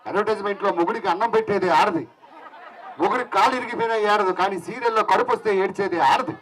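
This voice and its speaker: A man's voice: sits high, fairly bright tone, a little hiss or hum, poor audio. A man with a Telugu accent anchoring an outdoor event on a stage mic, trading teasing comic banter with the audience. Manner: teasing, quick comic patter. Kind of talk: joking stage emcee banter. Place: outdoor picnic event crowd.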